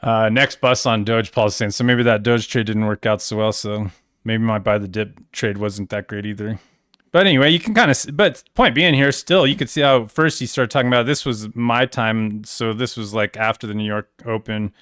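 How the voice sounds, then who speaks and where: A man's voice: fairly low pitch, normal speed, a bit bright, clean tone, no echo, clean studio sound. A man hosting a crypto trading livestream, casually walking through charts in a rambling, self-correcting way. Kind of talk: casual screen-share walkthrough.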